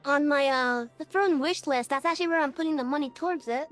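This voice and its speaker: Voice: sits high, quick pace, a bit bright, soft background music. A game streamer talking through a real-time voice changer in rambling casual chat, full of fillers and restarts.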